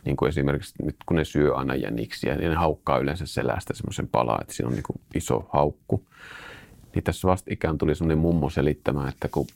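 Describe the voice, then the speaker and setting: A comic strip artist answering an interviewer's questions, a man with a very low, gravelly voice. He muses and restarts as he talks. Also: a little mellow, no room sound. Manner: hesitant, restarting and musing.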